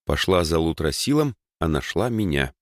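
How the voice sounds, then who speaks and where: A man's voice: very deep voice, big pitch swings, normal speed, no room sound. A man voicing a curious young man who asks puzzled questions, close to his own voice. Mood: wry.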